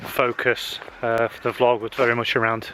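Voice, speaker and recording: Casting: man vlogging on a walk, a bit winded, mid pitch, faint outdoor hiss. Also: completely flat delivery, moderate pace, sharp tone. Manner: chatty, with frequent "uh" fillers. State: slightly out of breath walking uphill. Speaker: social media marketing vlogger. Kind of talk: casual walking vlog. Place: outdoors on a wooded hill path. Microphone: handheld camera.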